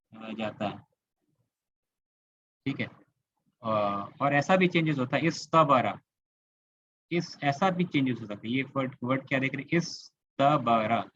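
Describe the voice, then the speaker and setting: A man's voice: mid-range voice, a bit bright, husky. A man with a Kolkata Indian accent gives an online grammar lesson over a computer microphone. He explains step by step, repeats key words and stops to quiz his students. The audio is slightly dull and lo-fi. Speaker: Arabic grammar teacher. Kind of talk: online class lecture. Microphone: computer mic on a video call.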